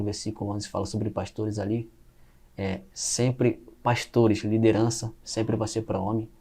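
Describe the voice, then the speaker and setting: A man's voice: lowish voice, warm tone. A man speaking as a guest in an informal podcast debate, teaching and often adding short check questions.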